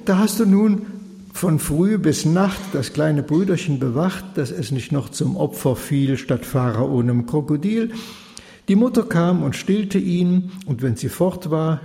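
A man reading a Bible story aloud, partly in rhyme, lilting and expressive. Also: fairly high pitch, a little slow, vocal fry. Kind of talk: rhymed scripted narration. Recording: long hall reverb.

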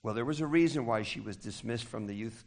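An older man delivers a sermon in short, measured phrases. He stops after each one so an interpreter can follow. His voice sits at an ordinary middle pitch. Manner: speaks in short phrases, pausing for translation. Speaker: preacher.

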